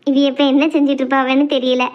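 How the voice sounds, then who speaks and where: A very high, dreamy voice for a lazy, lovestruck young woman, played by a woman in a cartoon. She muses giggly and cheeky. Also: flat delivery, fast talker, dull audio, close to an everyday voice. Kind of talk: animated comedy voice acting.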